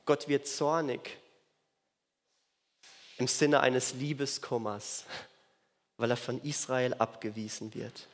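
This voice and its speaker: A man's voice: medium pitch, level tone, slow pace, pauses often. A man preaching a sermon in an earnest way, repeating key phrases for emphasis. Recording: long reverb of a large hall.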